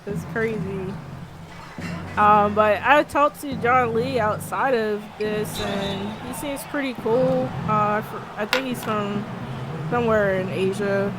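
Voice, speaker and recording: A woman's voice: medium pitch, slow pace, music in the background. A woman doing casual color commentary, chatty and giggly, with many fillers and hesitations.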